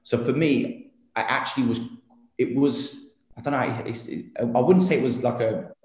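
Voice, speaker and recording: A man's voice: medium pitch, normal speed, darkish tone, roomy sound. A man in his late twenties, an interview guest talking casually and earnestly with many fillers and restarts. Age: 20s.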